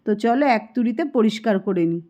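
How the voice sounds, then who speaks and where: A woman's voice: on the high side, expressive, brisk, dark tone, muffled recording. Chatty woman vlogging household chores. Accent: Kolkata Bengali. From Kolkata, India. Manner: chatty, homely, running commentary on chores. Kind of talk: casual home vlog narration. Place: home, indoors.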